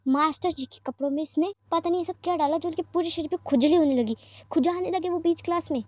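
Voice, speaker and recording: A woman's voice: extremely high pitch, fast, a little mellow, no echo, voice pushed up. A woman reading a story aloud, voicing a stern mother who nags and scolds her children in an exasperated tone. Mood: scolding.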